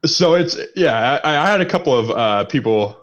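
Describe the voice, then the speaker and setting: A male podcast host talks basketball in a loose, rambling way, chuckling through his own stories. His voice sits at an ordinary pitch. The recording sounds a little dull and lo-fi. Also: lively intonation, normal speed, fairly bright tone. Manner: rambling, laughs while telling stories. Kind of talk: casual sports chat.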